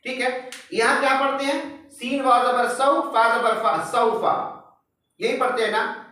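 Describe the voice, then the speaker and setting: A man teaches a recitation class at an unhurried pace, breaking each word into letters and vowel marks and repeating them patiently. His voice sits back from the microphone in a strongly echoing room. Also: extremely high pitch, steady tone, bright, forceful tone, distant mic. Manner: slow, patient, spells out letters and vowels one by one. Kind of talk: online tajweed class explanation.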